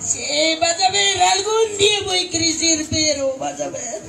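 A high, slow, sobbing highland crybaby, played by a man on a live comedy stage, whining in a Peruvian Andean accent and dropping Quechua words. The sound rings in a roomy hall over a noisy crowd. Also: creaky, music in the background, exaggerated voice. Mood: pleading. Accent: Peruvian Andean Spanish. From Peru. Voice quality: whiny, sobbing, mixes in Quechua.

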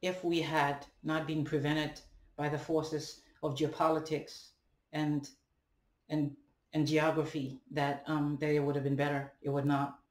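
Speaking slowly and haltingly into a webcam set at a distance, this young adult man from Ghana reflects aloud, tossing in rhetorical questions and "right?" to check in with viewers. His Ghanaian-accented voice is a little high, with a flat delivery. The home room, with bare walls and a ceiling fan, sounds echoey.

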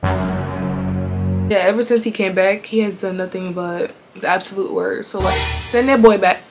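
A woman host reading online confessions aloud from her bed, casual and slangy, reacting out loud as she reads. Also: medium pitch, sing-song, measured pace, loud music behind the voice, low-quality recording. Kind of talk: casual chatty commentary.

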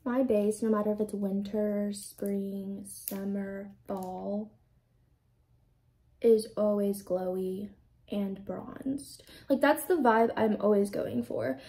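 This young American woman in her twenties is a beauty vlogger rambling through a casual get-ready-with-me chat as she does her makeup, leaning hard on "like." Her medium-pitched voice is steady, slow and dark-toned. She's in a small indoor room with a plain backdrop, and the audio quality is poor.

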